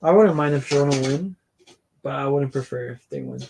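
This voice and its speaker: A man's voice: on the high side, brisk, a little mellow, a little hiss or hum. A man co-hosting a football watchalong, telling long rambling stories with lots of fillers and restarts. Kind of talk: casual chat.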